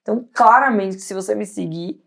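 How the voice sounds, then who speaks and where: A woman in her thirties, a pediatrician guest on an interview show, talking loudly and animatedly in casual chat. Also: medium pitch, creaky. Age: 30s. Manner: loud, animated, talks fast and laughs easily.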